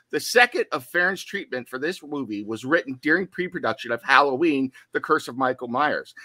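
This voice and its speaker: Male podcast co-host, jokey and tangent-prone, bright tone, dry close sound. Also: mid-range voice, dry recording. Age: adult, studied in college. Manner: chatty and jokey, drifts into tangents. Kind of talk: casual chat.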